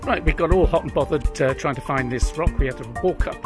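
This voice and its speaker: A man's voice: a little high, fairly quick, music in the background. A British man in his sixties, narrating a travel vlog outdoors at arm's length with dry, wry asides. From Britain. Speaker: travel vlogger. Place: outdoors at historic sites and in a car. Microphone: camera held at arm's length.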